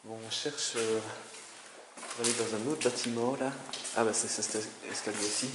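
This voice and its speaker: A man's voice: mid-range voice, fairly even intonation, moderate pace. A man casually narrating his night exploration as an urban exploration vlogger, informal and given to mild swearing. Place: inside large empty abandoned building and rooftop. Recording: echoey, very noisy handheld camera audio.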